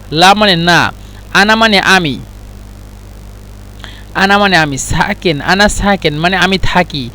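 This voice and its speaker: A man with a fairly high voice gives a relaxed vocabulary lesson. He says each word, repeats it and explains its meaning patiently, one term at a time. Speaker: Arabic language teacher. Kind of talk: casual spoken vocabulary lesson.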